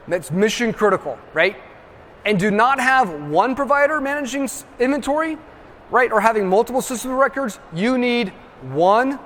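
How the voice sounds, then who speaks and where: High-voiced man presenting in a hall. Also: fairly bright tone, a little hiss or hum. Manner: emphatic, constantly checks in with "right?". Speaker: industry presenter. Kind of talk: trade-show presentation. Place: large trade-show hall. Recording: reverberant hall with faint ambience.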